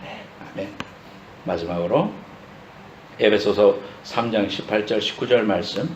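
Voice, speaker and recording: A man preaching a sermon to a congregation, swinging between quiet stretches and slow, stressed, rising exhortations. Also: lowish voice, reverberant, noisy background. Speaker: pastor. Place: church sanctuary with congregation.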